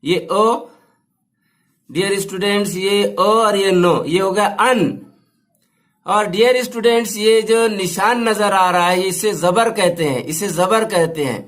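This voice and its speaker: A male teacher, slowly spelling out words and repeating each sound for his students. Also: high-pitched, a bit bright. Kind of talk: slow step-by-step language lesson.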